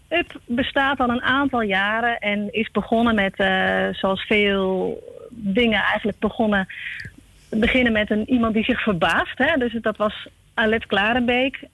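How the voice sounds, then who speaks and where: A woman heard over a telephone line, a guest explaining her group's work in a calm way with frequent pauses. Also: a little high, no room sound. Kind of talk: radio phone-in interview.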